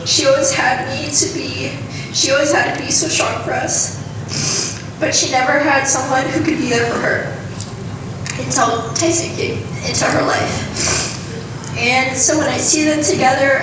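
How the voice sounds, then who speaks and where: A young American woman giving an informal, halting, giggly wedding toast as maid of honor. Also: high-pitched. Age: young adult. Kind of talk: wedding toast, personal speech. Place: large reverberant room at a wedding gathering. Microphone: distant from the recorder. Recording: echoey room from far off, clearly noisy.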